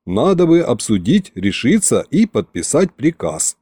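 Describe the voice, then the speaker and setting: A man reading an audiobook, voicing a cheeky young male courtier who flatters eagerly and sounds excitable. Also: medium pitch, unhurried, slightly rough, no echo. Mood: eager flattering.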